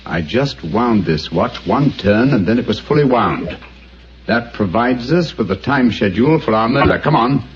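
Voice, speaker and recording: An actor playing Sherlock Holmes, a brisk and commanding English detective, speaking in a crisp, precise and confident way in a radio drama. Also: male voice, medium pitch, expressive, lightly acted. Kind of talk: 1940s radio acting. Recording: muffled old radio broadcast, faint hiss.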